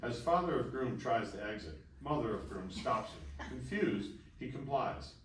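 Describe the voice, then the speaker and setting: This man's narration of the stage directions is animated, at medium pitch and normal speed. He's reading at a screenplay table read for a festival, in a room that sounds echoey through a distant mic with a bit of faint noise.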